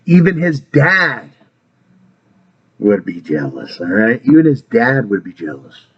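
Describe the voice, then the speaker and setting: A man's voice: mid-range voice, very animated, measured pace, slightly rough, highs cut off. A man talking in a rambling casual monologue, trailing off and restarting, swearing casually. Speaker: vlogger.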